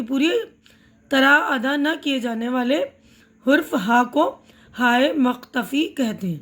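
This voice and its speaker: A woman teacher with an Indian Urdu accent explaining a textbook chapter, patiently repeating words for her pupils and slipping in English terms. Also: high-pitched.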